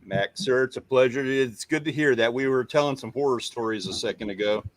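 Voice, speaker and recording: A man's voice: medium pitch, fairly quick, no room sound. A man co-hosting a casual fishing livestream, rambling and self-deprecating as he greets viewers by name. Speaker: livestream co-host. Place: home on Padre Island.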